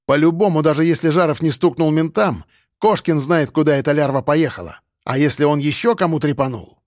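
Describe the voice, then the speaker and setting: A man's voice: on the high side, a little fast, a little mellow, no echo, close to an everyday voice. Cocky street thug in slang, a man doing the voice, dry read. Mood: jeering. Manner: brash criminal slang. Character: cocky young thug, jeering.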